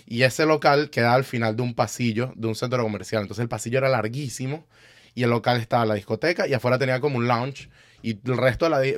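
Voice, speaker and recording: A man's voice: medium pitch, no room sound, clean studio sound. A young man, telling a party story in casual chat and acting out what people said. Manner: animated, acts out quotes.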